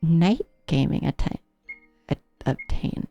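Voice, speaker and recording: Her voice sits low and expressive, slow-paced with vocal fry and a mellow tone, though the recording is muffled. She's an American live streamer from the Rocky Mountain area with a slight speech impediment and a trained, affected silly voice, musing and easily amused as she casually commentates a game over video game music.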